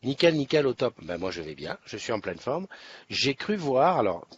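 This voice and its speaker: A man's voice: medium pitch, sing-song, moderate pace. Guy from nice rambling on a livestream, lots of restarts, slightly muffled sound, faint hiss. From Nice, France. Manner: rambling, chatty, many restarts. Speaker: livestream host. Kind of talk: casual live chat. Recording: slightly dull sound, faint background noise.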